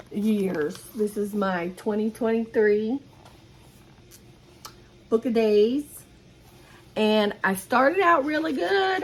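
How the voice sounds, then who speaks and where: A middle-aged woman chatting casually about her cross-stitch haul in an enthusiastic, rambling way, recorded at home. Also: medium pitch. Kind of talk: casual show-and-tell chat.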